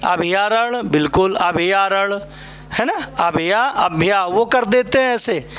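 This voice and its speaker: Slow, high-voiced male Hindi coaching teacher. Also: a bit bright, a little hiss or hum. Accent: Hindi from north India. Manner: drills each word by repeating it, with tag questions like "है ना"; addresses students fondly as "बेटा" and "भाई मेरे". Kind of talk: spelling lesson at a board.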